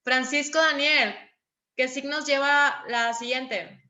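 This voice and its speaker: A woman teacher giving a class, patient and encouraging, calling on pupils and reading examples with clear intonation. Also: high-pitched, steady tone, slow pace, sharp tone. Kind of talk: online class lesson.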